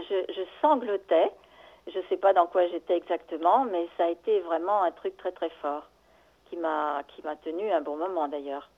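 An older woman calling a radio show, recounting a dream in a halting, shaken way, searching for her words. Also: lowish voice. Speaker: radio caller. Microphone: telephone. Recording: tinny phone line.

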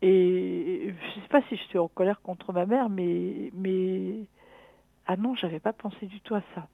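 A middle-aged woman talking reflectively and haltingly about herself as a caller in a personal conversation. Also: lowish voice, steady tone, creaky, no echo. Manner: reflective, halting, thinking aloud. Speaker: caller consulting a dream analyst. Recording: tinny narrow phone line.

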